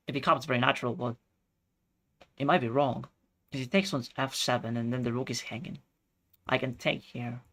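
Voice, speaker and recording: A man from Chile streaming chess, thinking out loud through his moves and chatting with viewers. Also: mid-range voice, fairly even intonation, moderate pace, long pauses. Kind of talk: live-stream commentary.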